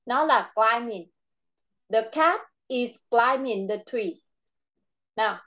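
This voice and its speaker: A woman with a Vietnamese accent tutoring a child in English online, patient and repeating words slowly. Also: fairly high pitch, lively intonation, fairly bright tone.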